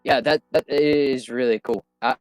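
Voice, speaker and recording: Halting, reflective man in casual chat. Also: medium pitch, fairly even intonation, clear, resonant tone, no echo, faint music behind.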